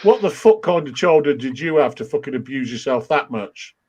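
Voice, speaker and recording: A man's voice: medium pitch, expressive, a little fast, darkish tone, dull audio. A man, swearing and teasing his friends in casual banter on a video call. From English Midlands. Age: 50s. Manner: swearing, teasing, laughing a lot.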